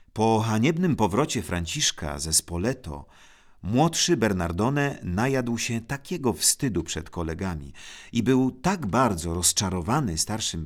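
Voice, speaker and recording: Slow, low-voiced male storyteller. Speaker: audiobook narrator. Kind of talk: scripted storybook narration.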